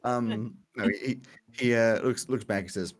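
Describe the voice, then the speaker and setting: A man narrating a tabletop game as game master, improvising in a jokey, animated way among friends. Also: medium pitch, moderate pace.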